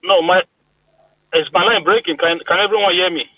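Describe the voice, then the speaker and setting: A man's voice: high-pitched, fairly even intonation, brisk, a crowd in the background. A man, speaking over a group voice chat line, arguing his point earnestly with frequent restarts. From Nigeria. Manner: earnest, argumentative, many restarts. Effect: heard through a group voice chat line. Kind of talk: debating in a live group voice chat. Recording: tinny phone-like dry line.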